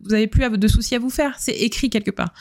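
A woman hosts a solo podcast, giving practical advice in a relaxed, chatty way. She fills her talk with hesitations and corrects herself as she goes. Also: a little high, fast. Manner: chatty, many fillers and self-corrections. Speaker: podcast host.

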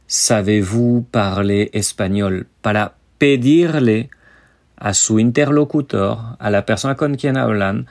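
A man from France, a native French speaker with a French accent, works as a language teacher and podcast host and gives informal advice directly to his listeners. His voice is lowish and darkish, and he takes things slowly. He sounds informal and explanatory, speaking right to his audience.

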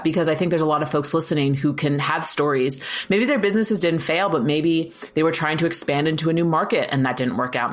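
Host casting: encouraging interviewer, mid-pitched, upbeat and chatty. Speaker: podcast host. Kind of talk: conversational interview.

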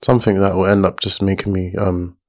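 A man's voice: deep voice, little pitch movement, brisk. A young man with an urban London accent, hosting a podcast with casual, slangy roadman banter. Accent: London, urban street. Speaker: podcast host.

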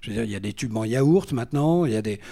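A man's voice: medium pitch, expressive, fast, creaky, dark tone. A man, a singer-songwriter, talking bluntly and with animation in a casual panel discussion, swearing freely.

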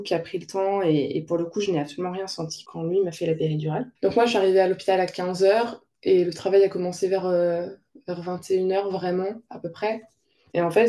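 A young woman frankly recounting her childbirth experience as a personal testimony, halting often and restarting her sentences. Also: lowish voice, dark tone. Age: young adult. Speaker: mother sharing her birth story.

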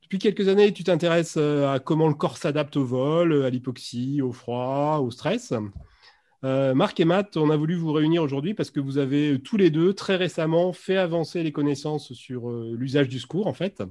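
A male host leads a live interview in a slightly high voice. He introduces and questions guests informally, hesitating and repeating words as he builds each sentence. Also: normal speed, darkish tone. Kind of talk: semi-prepared live interview hosting.

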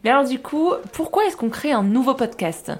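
Une femme à la voix assez haute qui anime un balado. Elle parle d'un ton vif et interrogatif et enchaîne les questions. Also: female voice, high voice, lively intonation, moderate pace. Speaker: podcast host. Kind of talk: podcast talk.

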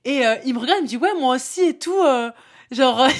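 A woman's voice: high voice, lively intonation, unhurried. A young woman with a Toulouse accent, telling a spontaneous story on her podcast and talking straight to the listener. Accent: Toulouse, southern French. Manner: spontaneous, chatty, addresses listener directly, many fillers. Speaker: podcast host. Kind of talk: casual solo podcast storytelling.

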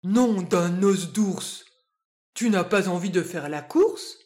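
A woman voicing an excitable, playful young male dog in a children's storybook. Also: lowish voice, slow. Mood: excited. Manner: eager, bouncy, playful exclamations.

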